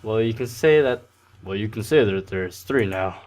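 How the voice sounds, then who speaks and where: An eager teenage club leader, smug and welcoming, voiced by a man in his own low-ish voice while reading a game aloud. The delivery stays close to plain speech with slight lilts. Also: expressive, moderate pace, a little mellow, close to an everyday voice.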